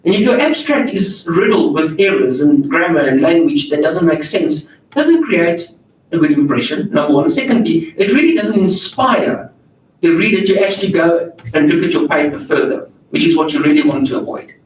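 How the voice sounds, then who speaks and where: A male editor whose first language isn't English speaks expressively at normal speed in a slightly high voice. At a panel discussion in a large auditorium, he answers and moderates audience questions in a candid, self-deprecating way. The recording is echoey, with a distant mic and faint noise.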